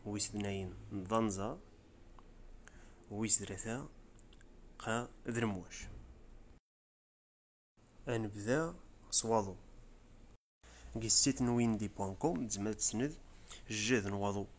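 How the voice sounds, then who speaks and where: A man with a Riffian accent from Morocco's Rif region narrates an informal tutorial as a voice-over separate from the pictured scenes, explaining things step by step in a brisk, casual way. His voice is on the low side, with a little hiss or hum in the recording.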